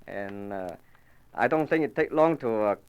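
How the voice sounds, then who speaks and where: A man's voice: lowish voice, animated, moderate pace, a little mellow, clear, resonant tone. Man, broken English. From China. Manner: broken English, hesitant fillers. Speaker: student and laundryman. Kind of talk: street interview statement.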